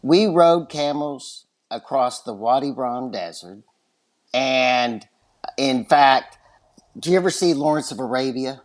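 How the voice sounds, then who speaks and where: A man's voice: mid-range voice, takes it slowly. A man with a West Texas twang, chatting casually and enthusiastically as a podcast guest. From West Texas, USA. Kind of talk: casual chat.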